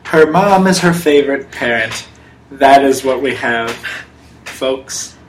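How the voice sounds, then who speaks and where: Slow and animated, this mid-range male voice belongs to a young podcast host who chats casually and launches into playful monologues with mock-serious emphasis. There's faint background noise and an echoey room sound.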